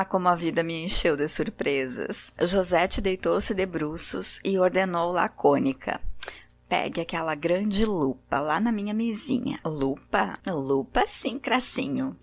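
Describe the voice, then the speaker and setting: A woman hosting a literature podcast, reading a grotesque comic story aloud and voicing its characters' quotes with shifts in pitch. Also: a bit bright, dry recording. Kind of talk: expressive reading of grotesque fiction.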